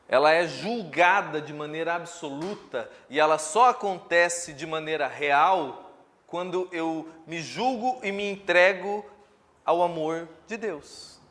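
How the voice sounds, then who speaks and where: High-voiced, animated Brazilian preacher. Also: male voice. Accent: Brazilian Portuguese. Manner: animated, emphatic preaching with joking asides. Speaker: pastor. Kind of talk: sermon. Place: church congregation.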